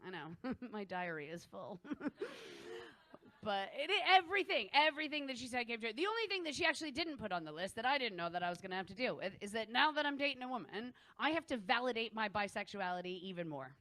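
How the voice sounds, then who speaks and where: A woman performing a stand-up comedy set, animated and laughing between lines as she acts out quoted exchanges. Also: on the high side, fast talker, no room sound. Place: comedy venue room.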